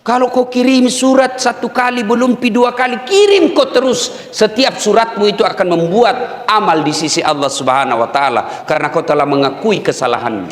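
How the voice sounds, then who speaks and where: A middle-aged man with a Makassar Indonesian accent giving a humorous, scolding sermon in an animated, jokey way. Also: sits high, brisk, hardly any pauses. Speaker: preacher. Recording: echoey hall.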